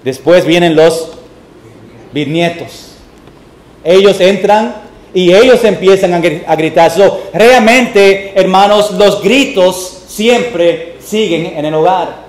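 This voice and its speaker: A man preaching a Sunday sermon as pastor, slow and deliberate, with homely family examples and a few English words mixed in. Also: high voice. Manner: mixes English words into Spanish. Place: church sanctuary. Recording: echoey church room.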